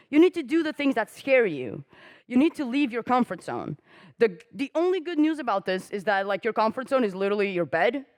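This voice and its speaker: With a darkish tone and no echo in the recording, a young woman who grew up speaking Portuguese takes the conference stage for a candid talk that pokes fun at herself. She swears casually and acts out quoted exchanges, her pitch jumping between voices.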